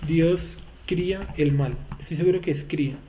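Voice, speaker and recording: A man's voice: on the high side, moderate pace, mellow, slight background noise. A man teaching a Bible study class, explaining word meanings and often putting questions to his students. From Colombia. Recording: echoey room, tinny phone-like sound.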